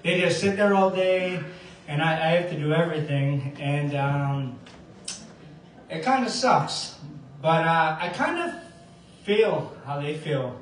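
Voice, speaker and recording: A man in his thirties doing amateur stand-up comedy with stage fright, speaking in a hesitant, halting way. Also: a little high, lively intonation. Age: 30s. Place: live open mic room, recorded from a distance. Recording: echoey room, distant mic, faint noise.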